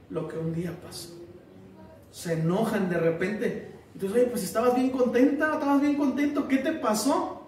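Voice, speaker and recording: A man preaching a sermon to a congregation, animated, quizzing the listeners and acting out resentful people. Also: very high voice, a little hiss or hum. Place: church hall with a congregation. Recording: very echoey hall, mic at a distance.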